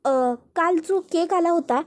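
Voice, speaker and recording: A gentle young village woman with a soft, pleading way of talking, read out by a woman narrator. Her voice sits quite high. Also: unhurried, no room sound, studio quality.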